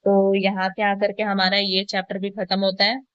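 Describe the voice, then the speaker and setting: A woman's voice: mid-range voice, completely flat delivery, moderate pace, no echo, dull audio. A young woman from India explains a study topic in a lesson, asking rhetorical questions and answering them plainly. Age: young adult. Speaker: student teacher.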